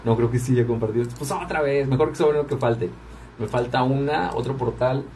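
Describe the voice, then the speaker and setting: A man's voice: medium pitch, normal speed, a little mellow, distant mic, slight background noise. A man hosting a live stream, chatting casually with viewers while he runs the music. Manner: chatty, talks to viewers while working the controls. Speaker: radio and livestream host.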